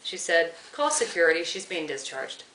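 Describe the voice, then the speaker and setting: A woman recounting an upsetting experience in an interview, talking haltingly and quoting others. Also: on the low side, big pitch swings, sharp tone. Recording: echoey room, far from the mic, faint hiss.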